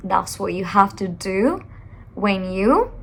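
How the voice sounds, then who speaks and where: A woman coaching communication skills, giving motivational advice in an expressive, animated way, speaking straight to the viewer. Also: mid-range voice, takes it slowly, vocal fry, a little hiss or hum.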